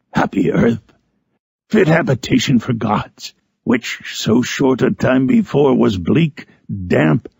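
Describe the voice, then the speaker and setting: A man voicing Frankenstein's monster, a lonely, eloquent man-made creature, in a solemn, harsh storybook narration with drawn-out phrasing. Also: medium pitch, darkish tone, no room sound, full character voice. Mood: elated, solemn. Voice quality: harsh, gravelly, raspy. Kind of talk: dramatic audiobook narration in character.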